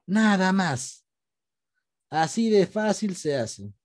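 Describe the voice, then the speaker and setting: Male teacher, patient and step-by-step, video call, very animated pitch. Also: takes it slowly. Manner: patient, explains step by step, asks students questions. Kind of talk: online class lesson.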